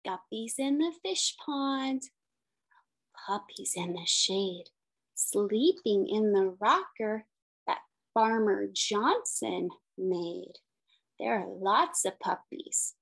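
In rough audio, a woman in her thirties with a fairly high voice reads a picture book to young children. She's a special education teacher, using sing-song phrasing and simple questions for the little ones.

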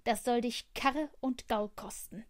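A woman voicing a bold, vengeful little male sparrow that shouts its threats in a storybook reading. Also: fairly high pitch, unhurried, dry recording, studio quality, close to an everyday voice. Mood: defiant.

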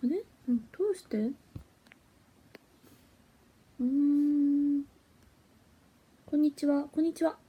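A woman's voice: high-pitched, very slow, long pauses, phone-quality sound. A young woman, an idol, chatting casually with viewers on a phone livestream, giggly and easily flustered. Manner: chatty and giggly, flustered when her stream freezes.

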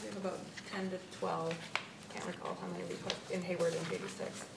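A woman's voice: lowish voice, level tone, fast talker, creaky. Distant woman in a roomy meeting hall. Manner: informal, many fillers. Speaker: watershed staff. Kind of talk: staff update at a meeting. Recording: roomy, far from the mic, noisy.

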